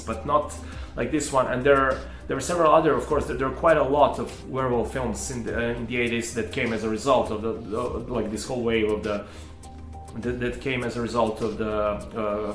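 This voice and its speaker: A man tells a personal story in a halting, rambling way, often restarting his sentences. His voice sits at an ordinary pitch for a man. He records in an echoey room with faint music underneath. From Serbia. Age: 30s. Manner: hesitant, rambling with many restarts. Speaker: channel host.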